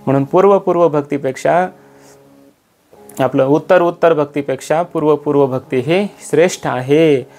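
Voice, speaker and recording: Male kirtan preacher, raised pitch, chanted verses, faint music underneath. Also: a little mellow. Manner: slows to chant quoted verses, rises in emphasis. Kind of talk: devotional sermon with chanted verses.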